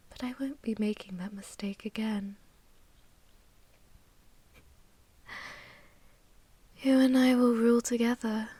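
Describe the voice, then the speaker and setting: Playing a possessive, ruthless but seductive ancient vampire mistress, a woman murmurs an intimate ASMR monologue close to the microphone, often slipping into whispers. Her medium-pitched voice is soft and breathy, with no echo, and her slow, haughty, commanding teasing feels possessive and seductive.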